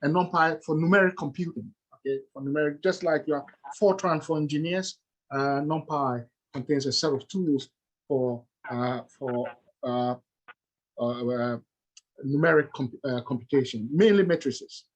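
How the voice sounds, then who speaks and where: A middle-aged man with a Ghanaian accent presents like a lecturer, his voice sitting a little high for a man. He explains things step by step and keeps stopping on "uh" and "okay" as he goes. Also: moderate pace, rough recording.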